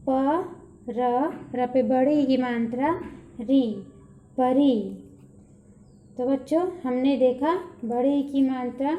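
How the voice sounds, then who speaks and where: A woman's voice: high voice, reverberant, lo-fi sound. A woman teaching a Hindi lesson to young children, patiently spelling out syllables and drawing out each word.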